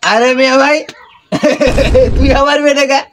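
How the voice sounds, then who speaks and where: Man acting a high-voiced, belligerent village drunk. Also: expressive, fairly quick, noisy background. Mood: drunken, insistent. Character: muddled village drunkard, grown son still living with father. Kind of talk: comedy skit acting. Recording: music playing behind the voice.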